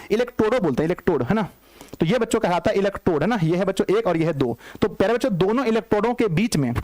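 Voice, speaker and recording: A man's voice: high voice, a little mellow, no room sound. A man with a Bihari Hindi accent teaching a school physics lesson, coaxing his students and answering his own questions over and over.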